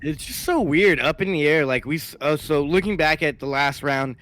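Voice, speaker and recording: A man's voice: fairly high pitch, normal speed, fairly bright tone. A man giving casual live game commentary in an informal, exclamatory way. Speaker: esports commentator.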